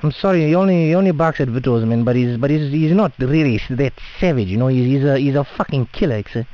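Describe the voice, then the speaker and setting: This prank caller, a man with a South African Indian English accent, is animated and fast in a medium-pitched voice. His chat is cheeky, slangy and rambling, captured as dull lo-fi phone call audio.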